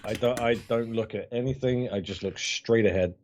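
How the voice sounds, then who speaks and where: A man's voice: medium pitch, moderate pace, darkish tone. Hesitant man playing a tabletop game. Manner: hesitant, restarts, thinks aloud. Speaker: player. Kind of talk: casual chat at a tabletop game.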